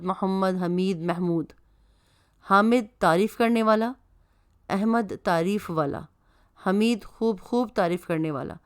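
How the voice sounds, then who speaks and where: A woman's voice: mid-range voice, clear, resonant tone, lightly acted. Woman reading as a lecturing religion teacher. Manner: explaining, instructive.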